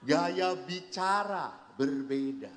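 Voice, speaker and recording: Animated priest in an echoing hall. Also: male voice, a little high, slow pace. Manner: animated storyteller, acts out quoted voices, jokes with the audience. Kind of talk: humorous seminar talk. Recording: reverberant hall.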